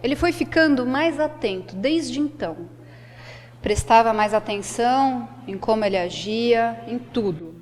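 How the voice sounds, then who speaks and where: A woman telling a folk tale aloud with expressive delivery, dramatic pauses and a shifting pace. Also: on the high side, long reverb tail, slight background noise. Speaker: storyteller. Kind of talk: oral folk-tale storytelling.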